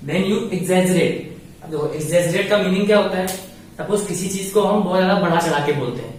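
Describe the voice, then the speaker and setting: A man teaches grammar in a measured classroom style, putting questions to his listeners and answering them himself. His voice sits a little high for a man. The room rings with heavy echo, and the mic is well away from him, with a faint hiss behind. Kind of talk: online lesson, code-switching explanation. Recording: echoey room, mic at a distance.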